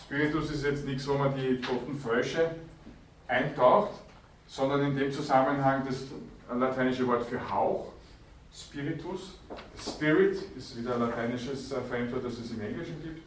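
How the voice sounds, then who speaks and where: A man's voice: medium pitch, steady tone, moderate pace, slight background noise. A man giving a university lecture, explaining patiently with many fillers and self-corrections. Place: lecture hall. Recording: echoey lecture hall, distant mic.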